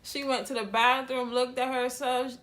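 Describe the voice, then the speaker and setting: A young adult woman hairstylist telling a casual, slangy storytime vlog with animated delivery. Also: high-pitched, normal speed.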